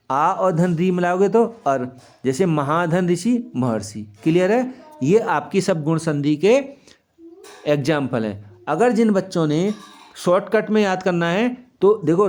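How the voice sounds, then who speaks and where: A man gives a grammar lesson to young students, his voice sitting a little high. He asks the class a question, then answers it himself. He goes over each example slowly, stretching out the key sounds. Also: a little mellow. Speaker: teacher. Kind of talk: Hindi grammar lesson for children.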